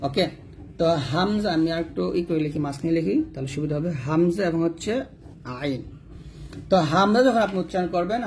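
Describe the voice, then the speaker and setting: A man teaching Quran letter pronunciation, slowly drilling syllables and patiently repeating each point. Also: sits high, darkish tone, slight background noise. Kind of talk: slow instructional explanation with drilled letter sounds.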